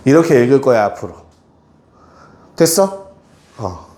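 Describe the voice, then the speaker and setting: This male math teacher speaks a little slowly in a mid-range voice, very animated, talking directly to his students. He frequently checks whether they understand. The sound has classroom echo and faint noise.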